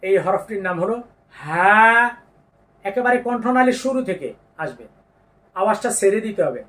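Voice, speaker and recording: A man teaching Quran pronunciation, patiently explaining each letter and drawing out the sounds slowly. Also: sits high, sing-song, distant mic. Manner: slow drawn-out demonstrations of letter sounds, patient instructions. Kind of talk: step-by-step pronunciation lesson.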